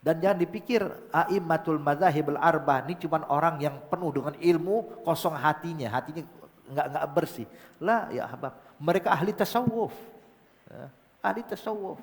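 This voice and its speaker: A man's voice: fairly high pitch, moderate pace. Preacher man, echoing hall. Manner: storytelling, peppered with a recurring "ya". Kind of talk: religious lecture with storytelling. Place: large majelis hall. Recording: reverberant hall.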